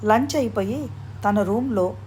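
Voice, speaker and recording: A woman narrating a story in a calm, even reading manner. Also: a little high, measured pace, a little hiss or hum.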